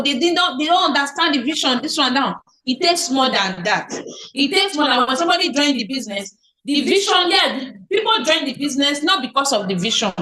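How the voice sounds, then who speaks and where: A woman with a Nigerian accent, acting as team leader, runs a motivational business training over an online meeting call, repeating points and answering her own questions. Her high voice is pushed and bright. The room echoes and there is slight background noise.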